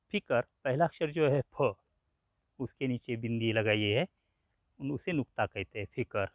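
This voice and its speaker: A male teacher explains a grammar lesson slowly and patiently, repeating every example and breaking it into letters. His voice comes through a thin, phone-like band. The room adds no echo and sounds dry. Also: mid-range voice.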